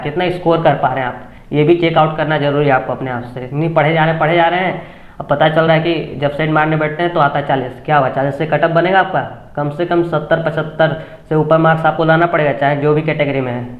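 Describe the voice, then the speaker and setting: Male coaching host, urgent lecturing tone, fairly high voice. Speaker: exam coaching channel host. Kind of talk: motivational exam tips talk. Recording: tinny phone-like sound, echoey room.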